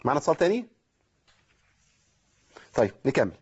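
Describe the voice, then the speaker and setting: A man's voice: medium pitch, big pitch swings, brisk, husky, dull audio. A man with an Egyptian accent hosting a call-in lesson on Quran recitation, explaining step by step and checking in with listeners. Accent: Egyptian Arabic. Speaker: Quran recitation teacher and host.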